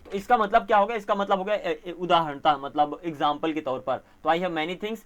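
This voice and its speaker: A man's voice: a little high, moderate pace, a bit bright, highs cut off. A man with an Indian accent teaching a spoken English lesson, patiently explaining and mixing Hindi with English. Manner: explains patiently, often asks "theek hai na?".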